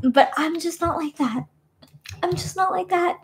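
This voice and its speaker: A woman's voice: extremely high pitch, unhurried. A woman in her twenties chatting casually on a webcam stream from her bedroom, rambling with lots of fillers. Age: 20s. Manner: rambling, many fillers like "you know what I mean". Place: small bedroom, indoors. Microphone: webcam at desk.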